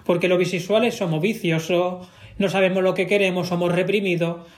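A man's voice: sits high, fairly even intonation, fairly quick. A man with a Spanish accent talking in a casual conversation, emphatic and given to repeating himself for stress. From Spain.

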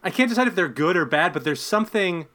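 A young man on a casual podcast picking apart a film with wry, dry humor, often restarting his sentences. His voice sits a bit high with a lively, swooping pitch. His tone is bright and tense. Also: quick pace. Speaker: podcast co-host. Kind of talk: casual movie review chat.

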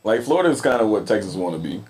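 A man co-hosting a casual podcast chat, joking and swearing as he riffs on sports and news. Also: on the low side. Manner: animated, joking, profane, quick.

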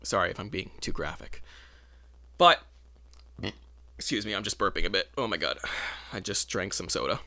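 A man's voice: low voice, lively intonation, moderate pace, long pauses, sharp tone. A man talking in a casual, rambling monologue, often correcting himself and adding wry asides. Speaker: vlogger.

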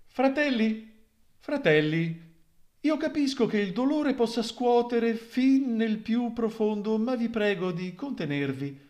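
A man's voice: very high voice, animated, slow, darkish tone, voice pushed up, heavily acted. A man voicing a flustered priest pleading with his congregation in a preachy tone. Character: Don Giacomo, flustered pleading old priest.

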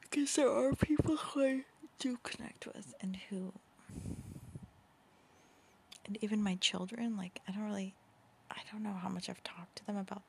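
A woman's voice: mid-range voice, creaky, a little mellow, a little hiss or hum. A woman in her thirties whispering a podcast at home late at night, yawning often as babies sleep beside her. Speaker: podcast host and author.

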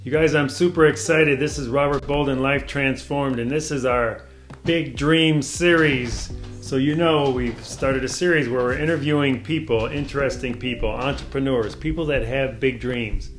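An enthusiastic male host speaks straight to his audience in an encouraging, motivational way. His voice sits at an ordinary middle pitch. Faint music plays in the background. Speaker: podcast host. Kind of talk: motivational interview intro.

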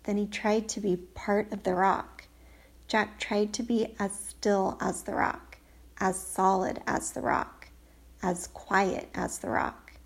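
A woman's voice: mid-range voice, flat delivery, slow pace. A woman reading a children's storybook aloud, lifting her voice for the characters' lines. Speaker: audiobook reader. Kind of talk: storybook narration.

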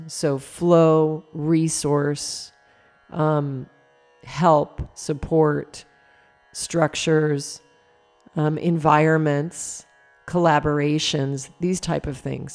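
A woman with an early-morning voice leading a spiritual talk before a guided meditation, meandering and reflective, pausing often with fillers. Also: low voice, a little mellow, soft background music.

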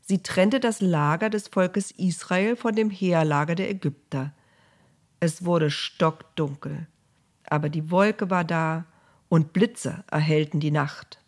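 A woman narrating a Bible story in a measured, vivid storytelling manner. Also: fairly low pitch.

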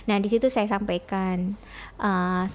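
A woman's voice: medium pitch, fairly even intonation, measured pace. A middle-aged woman talking candidly as a guest, chatty and often laughing mid-sentence as she tells a personal story.

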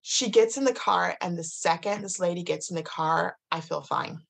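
Woman, lowish pitch, husky, casual storytelling, animated, lots of fillers and restarts. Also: moderate pace. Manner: animated, many "like"s and restarts, acts out quotes. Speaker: guest.

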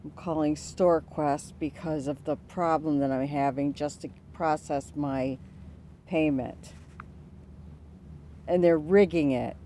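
A woman's voice: deep voice, steady tone, slow, warm tone, slight background noise. A woman customer speaking firmly and indignantly in a complaint call, insisting on her point. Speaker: customer calling to dispute a charge. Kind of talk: phone complaint conversation.

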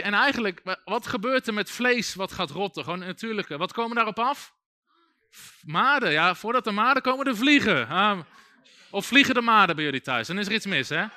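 A man's voice: high-pitched, pushed and bright, no room sound, clean studio sound. A man preaching a sermon in a conversational way, full of asides and restarts.

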